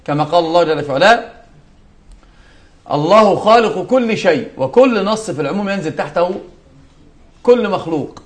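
Man, sheikh, religious lesson, emphatic, repeats key words, quotes scripture, rapid pace, slightly high voice. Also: a bit bright.

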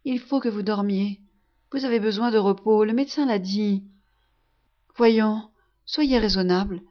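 A woman reading aloud, voicing a gentle young woman who soothes and reassures a sick friend. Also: medium pitch, a little slow, lo-fi sound, close to an everyday voice. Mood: coaxing. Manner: soft, coaxing, reassuring.

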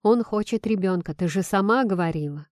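A woman's voice: mid-range voice, brisk, a little mellow, dry recording, studio quality, lightly acted. Woman reading as a sardonic young best friend. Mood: earnest. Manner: sardonic, pointed, then earnest.

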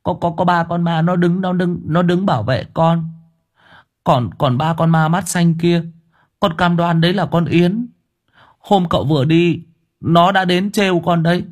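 A man's voice: fairly high pitch, a little slow, voice pushed up. A man voicing a frightened young boy who stammers and repeats words in an audiobook story. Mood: tearful.

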